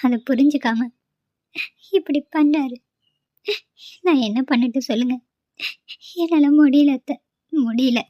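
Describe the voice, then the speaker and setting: A woman's voice: high voice, steady tone, a little slow, pauses often, dry recording. A woman voicing a tearful, pleading young pregnant daughter-in-law in a cartoon, on a dull lo-fi recording.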